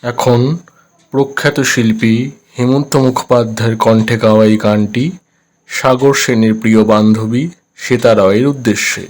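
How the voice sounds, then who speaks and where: A man playing a formal, measured radio announcer introducing songs in a cartoon, sounding as if from a transistor radio. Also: mid-range voice, fairly even intonation, a little mellow.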